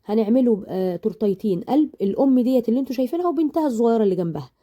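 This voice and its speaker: A woman with an Egyptian accent, still a little hoarse from illness, chatting affectionately while teaching a baking tutorial. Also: a little high, expressive, rapid-fire, dark tone. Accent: Egyptian Arabic. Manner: chatty and affectionate, rambling asides. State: hoarse after sinus illness. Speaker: baking channel host. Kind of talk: casual cooking tutorial.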